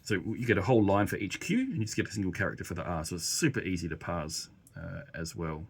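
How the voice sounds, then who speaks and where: A deep, gravelly voice with a breathy edge belongs to a developer doing a casual live demo, who talks fast and expressively while thinking aloud hesitantly. He types as he goes, and the noisy room carries the clicks of his workbench keyboard.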